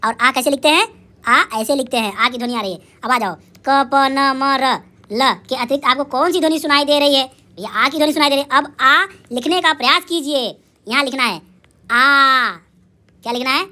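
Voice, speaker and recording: Woman schoolteacher, bright ringing voice; quizzes children and answers herself, cheering them on. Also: high-pitched. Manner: asks and answers her own questions; drawn-out sounding of syllables. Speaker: primary school teacher. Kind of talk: lively recorded lesson for young children.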